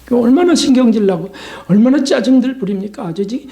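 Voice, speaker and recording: A man who is a pastor, preaching a Lenten sermon in an animated way, with sudden rises in pitch and loudness, quick questions to the congregation and hushed whispers for emphasis. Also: highs cut off. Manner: keeps asking the congregation questions such as "right?".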